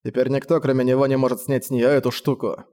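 A man doing a sullen, flat-voiced young man. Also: medium pitch, fast, close to an everyday voice. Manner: flat, expressionless, curt.

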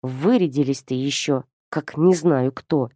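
Woman reading a gruff suspicious old man. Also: very deep voice, a little slow, dry recording, studio quality, voice pushed down. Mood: angry scolding. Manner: sharp, curt, interrogating.

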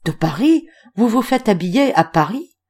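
A woman reading an audiobook voices a bewildered, courteous young gentleman who asks flustered questions. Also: mid-range voice, very animated, normal speed.

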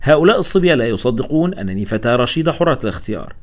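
A man's voice: medium pitch, big pitch swings, rapid-fire, natural voice. Casting: a frank, self-mocking young woman anthropologist, voiced by a man in a storybook reading.

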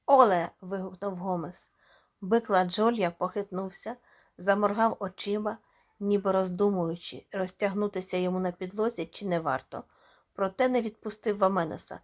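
A woman narrates a short story for an audiobook. Her reading is expressive and dramatic, at an ordinary middle pitch. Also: moderate pace. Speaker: audiobook reader. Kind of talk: scripted narration.

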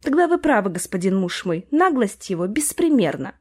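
A woman's voice: medium pitch, sing-song, moderate pace, breathy edge. A woman reading an audiobook, voicing a composed young bride who speaks formally with a wry edge.

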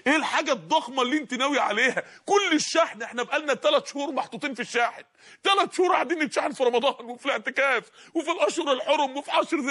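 Egyptian male preacher, very high and bright, breathy edge, rapid and impassioned, rhetorical questions. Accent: Egyptian Arabic. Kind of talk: sermon.

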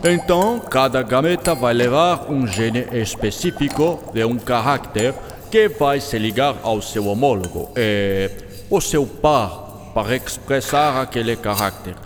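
Man playing Mendel, a kindly, animated monk. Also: mid-range voice, a little slow, slight background noise, natural voice. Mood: patient explaining. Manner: didactic, peppers speech with German words. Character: Mendel, kindly Austrian monk scientist, patient and enthusiastic. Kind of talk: radio drama acting. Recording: reverberant hall, music behind.

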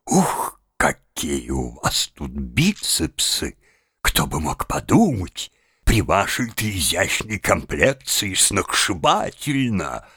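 A man voicing a fussy, flattering prison director who exclaims over everything. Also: low voice, slow, breathy edge, no echo, studio quality, pitched below the performer's own voice, heavily acted. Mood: gushing.

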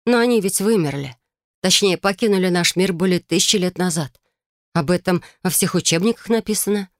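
A reader voicing a young woman heroine who speaks quietly and earnestly, grateful and anxious. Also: on the low side, normal speed, no echo, clean studio sound, natural voice.

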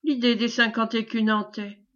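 A woman's voice: fairly high pitch, flat delivery, moderate pace, fairly bright tone, close to an everyday voice. A woman voicing a shy, humble peasant boy who talks in a hesitant country way, on a dull lo-fi recording. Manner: hesitant, rustic country speech.

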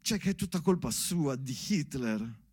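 In a clean studio recording with no echo, a stage actor and writer performs a monologue in an expressive, mid-range voice that is a little mellow and slightly rough, at normal speed. He plays a father reading his young daughter a rambling, ironic letter, colloquial and rhythmic. His sing-song delivery feels tender and hesitant.

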